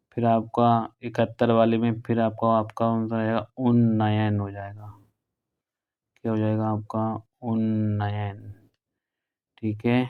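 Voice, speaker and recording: Brisk teacher with a smooth, low voice. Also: male voice, highs cut off. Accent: Hindi, northern India. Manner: brisk and conversational, drawing out key words. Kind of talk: exam prep lesson going through questions.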